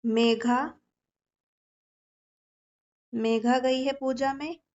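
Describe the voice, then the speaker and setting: A woman's voice: sits high, fairly even intonation, extremely slow, a little mellow, dull audio. A woman teaching an exam-prep lesson, explaining patiently with memory tricks and often checking in with her students.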